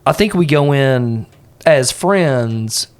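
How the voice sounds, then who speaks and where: A man's voice: mid-range voice, animated, slow, clear, resonant tone. A man chatting casually as a player on a tabletop gaming podcast. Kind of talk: casual tabletop game chat.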